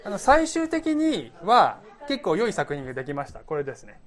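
Male pastor, conversational sermon delivery, very animated intonation. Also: high-pitched, normal speed, some chatter behind. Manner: chatty, laughs at himself, tells stories.

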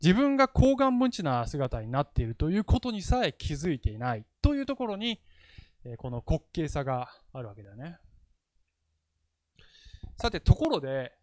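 A man's voice: on the high side, normal speed, no room sound. A man preaching a casual, chatty sermon as pastor, laughing easily as he talks. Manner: chatty and animated, laughs often.

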